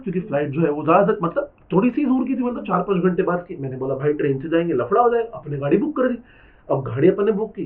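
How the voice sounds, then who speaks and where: A young man, a chatty, teasing lecturer telling a story to his class and slipping into English phrases. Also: on the high side. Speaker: accounting exam lecturer. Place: classroom with students. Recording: tinny phone-like lecture recording.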